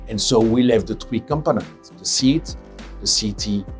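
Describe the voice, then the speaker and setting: Middle-aged man, measured and emphatic. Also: fairly low pitch, lively intonation, soft background music. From Belgium. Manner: measured, self-correcting, emphatic. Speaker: head of radiation oncology. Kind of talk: interview testimonial.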